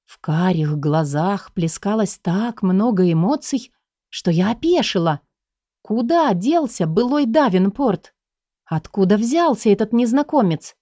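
A woman calmly narrating a story in the first person. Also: mid-range voice, a little slow, no room sound, clean studio sound. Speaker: audiobook narrator.

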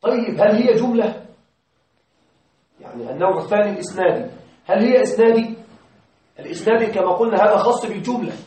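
A man speaks fast in a high-pitched, mellow voice with long pauses as he teaches grammar to a class. He relies on worked examples and rhetorical questions to check understanding. This classroom lecture was recorded in a very echoey room, far from the mic.

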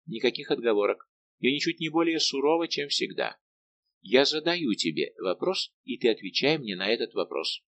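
A man reading the part of a lively young maid of honour who teases and presses her friend with brisk, insistent questions. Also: medium pitch, no echo. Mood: firm.

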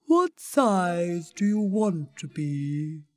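A woman's voice: on the low side, sing-song, a little mellow, no room sound, clean studio sound, heavily acted. A woman voicing a sleepy, curt male caterpillar in a storybook reading, drawing out every word in a commanding tone. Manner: slow, drawn-out, commanding.

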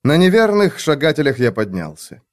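A man reading a first-person story aloud in measured, dramatic storytelling narration. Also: fairly high pitch, big pitch swings. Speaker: audiobook narrator.

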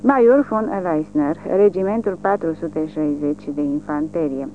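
A woman's voice: low-pitched, natural voice. An older male army major, demoted and stiffly dutiful, answers in clipped, formal military phrases, as a woman narrator reads him. The audio is thin and phone-like, with a faint hum.

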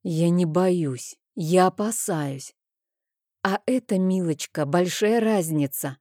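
A woman's voice: on the low side, slow pace, a little mellow, dry recording, studio quality. A woman voicing a short-tempered, anxious male dragon thief in an audiobook, agitated and scolding. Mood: guarded. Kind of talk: audiobook character voice.

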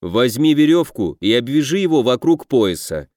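A man's voice: medium pitch, big pitch swings, moderate pace, darkish tone, no room sound, clean studio sound, natural voice. A man reading an audiobook voices a stern male leader who barks short orders. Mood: commanding. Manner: barking orders. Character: stern commanding male leader, future king.

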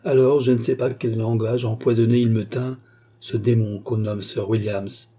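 A man's voice: medium pitch, little pitch movement, normal speed, warm tone, husky, close to an everyday voice. A man voicing a passionate, remorseful woman courtesan in an audiobook, pleading and impassioned. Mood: confessing.

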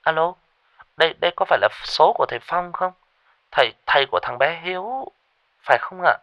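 A polite young village ferrywoman, voiced by a man in falsetto, hesitant and stammering. The voice is raised and close to a dry mic. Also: animated, fairly quick, no echo, lo-fi sound.

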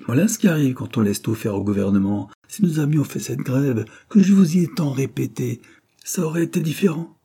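A man doing a gruff, quarrelsome drunkard. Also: medium pitch, animated, brisk, dark tone, pitched above the performer's own voice. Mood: curt. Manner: curt, quarrelsome. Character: gruff, drunken out-of-work laborer.

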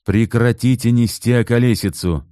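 Narrator doing a strict ex cop, firm, kinda threatening, darkish tone. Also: male voice, medium pitch, moderate pace, warm tone, no room sound, clean studio sound, voice pushed up, lightly acted. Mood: stern. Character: stern former police officer, middle-aged man.

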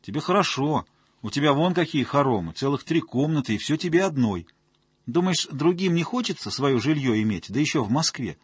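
A man's voice: fairly high pitch, animated, fairly quick, slightly rough, dry recording, clean studio sound. A man voicing a drunk, whining woman janitor who fawns and pleads. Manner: wheedling, whiny, ingratiating.

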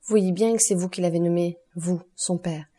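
A woman reading the part of a stern, relentless male doctor, solemn and accusing in a measured way. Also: fairly low pitch, fairly even intonation, warm tone, breathy edge.

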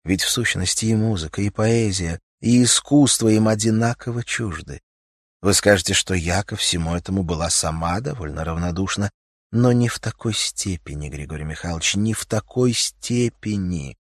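Мужчина, изображающий молящую светскую даму. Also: male voice, normal speed, no room sound, clean studio sound. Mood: pleading. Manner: raised pitch, emotional pleading. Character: pleading young society woman.

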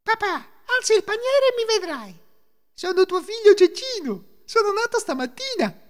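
A man voicing a tiny newborn chickpea boy from a folk tale, with a squeaky, tiny voice. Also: sing-song, normal speed, big-room sound. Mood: calling.

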